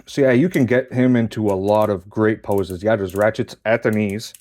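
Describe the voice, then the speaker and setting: A man casually reviewing a model kit while posing it, relaxed, swearing now and then, and a bit out of breath. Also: on the low side, normal speed. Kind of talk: casual hands-on toy review.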